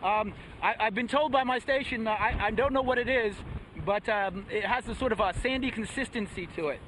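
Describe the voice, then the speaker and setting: A man working as a TV field reporter, giving a halting live report outdoors in a storm. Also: high-pitched, rough recording. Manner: hesitant, halting delivery. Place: outdoors on a seaside boardwalk in a hurricane. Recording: loud wind and surf noise. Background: wind and crashing waves.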